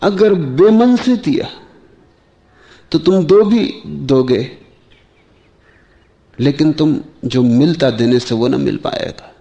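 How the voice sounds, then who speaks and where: A man giving a slow, measured spiritual discourse, pausing often and asking his listeners rhetorical questions. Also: a little high, creaky, mellow, muffled recording. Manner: slow, measured delivery with long pauses. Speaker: spiritual teacher.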